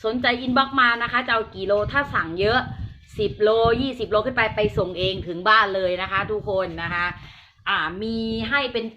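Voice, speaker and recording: A woman with an Isan accent doing hyped, chatty live-seller patter, repeating her pitch and addressing viewers in a folksy way. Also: brisk, sharp tone, lo-fi sound, a little hiss or hum. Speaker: live-stream seller of chillies and farm produce.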